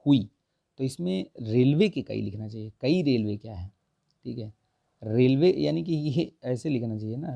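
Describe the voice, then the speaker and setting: A hoarse man works through exam answers in a Hindi grammar lesson, checking each option and dropping in "okay" after nearly every line. His voice is dark and gravelly from a sore throat. It is recorded close and dry, with no room sound. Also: mid-range voice, dry recording. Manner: repeats "theek hai" constantly, corrects answers with mild humor. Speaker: exam prep teacher.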